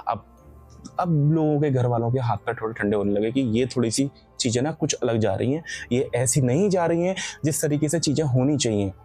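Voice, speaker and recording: Male storyteller, husky and soft-toned, casual and digressive horror narration. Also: mid-range voice. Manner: rambling, self-correcting, frequent filler asides.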